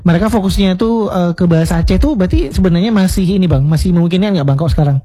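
High-voiced, mellow interviewing man. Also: racing, husky. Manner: inquisitive, polite, addresses guest as Bang. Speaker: podcast host. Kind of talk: casual interview questions.

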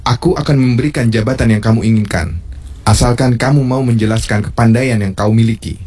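A man's voice: mid-range voice, brisk, a little mellow, breathy edge, lightly acted. A man playing a stern, dismissive king in a historical drama, with an imperious, declamatory delivery. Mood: deliberating. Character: stern, dismissive adult male king in his palace. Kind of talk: Indonesian historical drama dialogue.

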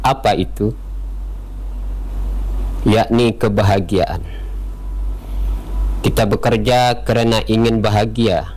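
A man giving a radio sermon in a measured way, opening with Arabic prayer formulas. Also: fairly low pitch, fairly even intonation, a little mellow, poor audio. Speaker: radio preacher.

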